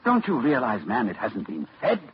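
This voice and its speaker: A man's voice: medium pitch, huge pitch swings, normal speed. A man playing a grave, driven doctor who narrates his ordeal urgently in a 1940s radio drama. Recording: muffled old radio broadcast, hiss.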